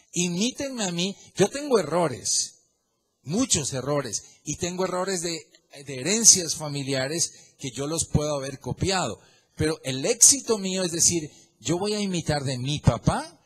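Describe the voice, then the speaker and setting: Husky-voiced preaching man, fairly high. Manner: animated preaching with big swings in pitch and volume, repeats phrases for emphasis. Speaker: pastor. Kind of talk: sermon.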